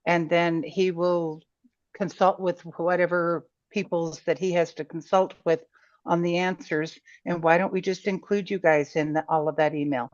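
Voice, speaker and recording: A woman's voice: fairly low pitch, fairly even intonation, moderate pace. Woman on a lo-fi group voice call. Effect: heard over a group online voice call. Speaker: planning meeting member. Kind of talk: casual explaining in a meeting. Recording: dull lo-fi call audio, dry.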